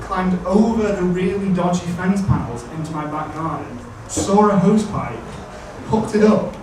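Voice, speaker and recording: A young male stand-up rambles through a self-mocking tale in a fairly high voice. The sound comes from far back in a very echoey club, with loud background noise. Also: normal speed. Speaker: stand-up comedian. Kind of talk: stand-up storytelling. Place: comedy club stage. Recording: echoey venue, distant mic, noisy.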